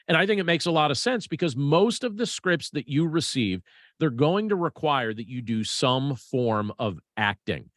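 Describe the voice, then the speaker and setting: A man talking through practical voiceover tips in a conversational, measured way. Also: mid-range voice, no room sound, studio quality. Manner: conversational, measured, with fillers and restarts. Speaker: voiceover instructor. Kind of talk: casual instructional talk.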